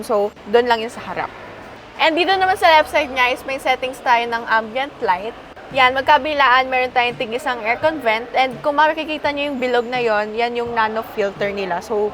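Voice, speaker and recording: A young woman from the Philippines hosts a casual car walkaround, her voice sitting a little high. She chats her way through the cabin of a passenger van, pointing out one feature after another. A faint hum of background noise runs under her voice. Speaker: car review presenter.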